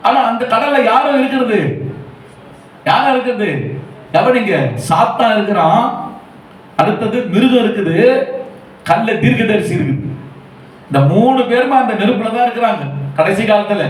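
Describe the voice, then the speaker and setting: Pleading pastor in an echoey hall. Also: male voice, high voice, recorded from a distance. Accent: Tamil Nadu Tamil. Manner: repeats rhetorical questions, urgent and pleading. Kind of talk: sermon. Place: church hall. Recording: echoey church hall from afar with faint hum.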